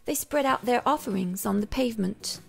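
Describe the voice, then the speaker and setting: A woman reading a children's picture book aloud in a gentle, expressive storytelling manner. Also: fairly high pitch, fairly quick, gravelly, faint music behind. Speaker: storybook reader.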